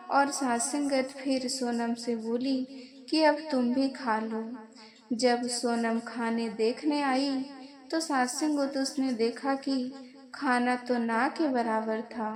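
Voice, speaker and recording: Slow devotional woman storyteller. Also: on the high side, darkish tone. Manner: addresses listeners as congregation, slow and deliberate.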